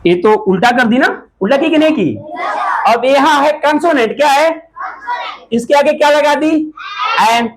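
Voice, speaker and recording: A man's voice: extremely high pitch, measured pace, low-quality recording. Man teaching a class, quizzing pupils. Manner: asks the class short repeated questions.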